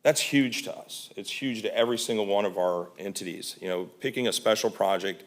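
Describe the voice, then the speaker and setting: Speaking briskly in a voice on the low side, a man addresses a county commission meeting as a volunteer presenter. He talks conversationally, with lots of fillers and false starts.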